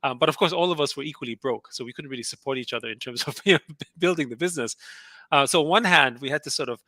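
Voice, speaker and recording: A middle-aged Austrian entrepreneur, German being his first language, appears as an interview guest and tells his story casually, chatting away with frequent laughter, fillers and restarts. He's a fast talker with a medium-pitched, sharp-toned voice, recorded dry.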